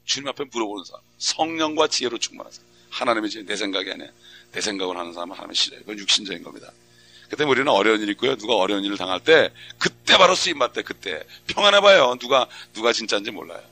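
A middle-aged male pastor preaches a fervent sermon at a quick clip. His voice is bright and forceful with a gravelly texture. He fires off rhetorical questions and acts out prayers. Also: on the low side, sing-song, a little hiss or hum.

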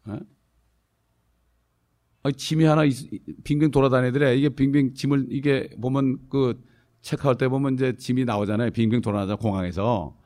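A middle-aged man preaches a sermon in a loose, conversational way, telling anecdotes. He keeps checking in with the congregation through short questioning prompts. His delivery jumps between raised, emphatic lines and soft, low asides. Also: fairly even intonation, moderate pace. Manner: tells anecdotes casually, with informal speech mixed in. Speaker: pastor.

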